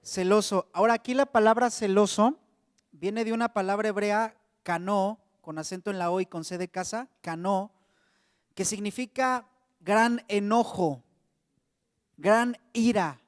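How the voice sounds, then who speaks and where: A man's voice: high voice, moderate pace, clear, resonant tone, dry recording, studio quality, in a large hall. A man with a Mexican Spanish accent preaching a sermon to a congregation, in a conversational way, often calling them brothers.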